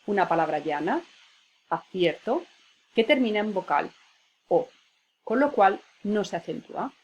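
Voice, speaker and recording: A woman's voice: mid-range voice, lively intonation, unhurried, breathy edge. A woman teacher, patiently explaining spelling rules and spelling out words syllable by syllable. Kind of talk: spelling lesson.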